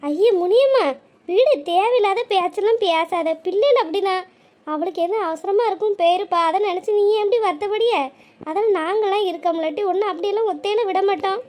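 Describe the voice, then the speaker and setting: A woman doing a bossy, caring village auntie. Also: very high-pitched. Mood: alarmed. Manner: brisk, consoling, calls out loudly. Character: caring, scolding middle-aged village woman Ruku.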